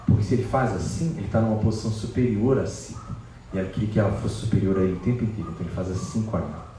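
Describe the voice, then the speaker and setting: A man giving a devotional storytelling lecture at a religious celebration, telling the tale in an animated, dramatic way. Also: on the low side, very fast, a little hiss or hum. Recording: echoey hall from far off.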